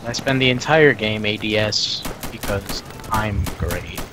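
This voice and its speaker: A man's voice: fairly low pitch, measured pace, noisy background. Dry, sarcastic male co-player. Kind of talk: casual gameplay banter. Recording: voice call over game gunfire. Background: gunfire from the game.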